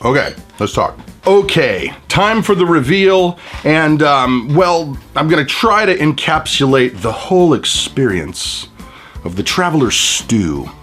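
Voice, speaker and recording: A man's voice: a little high, sing-song, unhurried, fairly bright tone, soft background music. A man giving a casual food review, talking in a folksy, jokey way with playful asides. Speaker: product reviewer.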